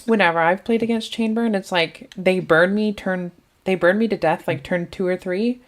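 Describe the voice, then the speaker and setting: A woman's voice: medium pitch, fairly even intonation, moderate pace. A woman with a Southern US accent doing casual live commentary on a card game tournament, chatty and thinking aloud as she answers viewers' questions.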